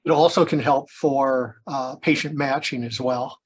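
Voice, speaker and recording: This man speaks slowly and deliberately in a remote work meeting. He lays out his point in a measured way, pausing on fillers as he goes. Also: mid-range voice, steady tone, breathy edge. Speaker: meeting participant.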